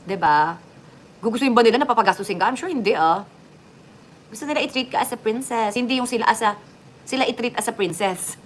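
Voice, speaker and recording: A woman's voice: fast, a little hiss or hum. A woman chatting casually to her viewers as a vlogger, joking and swinging her voice up and down. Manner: chatty, lively swings in pitch and loudness, joking asides.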